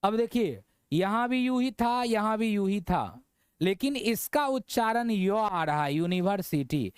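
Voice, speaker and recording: Guy teaching english grammar, highish voice, keeps going "है ना" and quizzing you, dry close sound. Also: sing-song, unhurried, clean tone, dry recording. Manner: repetitive, checking in with "है ना" and quizzing the viewer. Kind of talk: classroom-style lesson.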